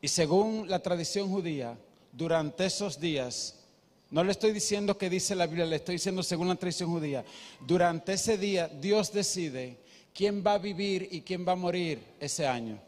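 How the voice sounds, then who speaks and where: A man's voice: high-pitched, moderate pace, darkish tone. A male pastor, preaching emphatically and asking the congregation questions. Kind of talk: sermon. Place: church. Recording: echoey church hall.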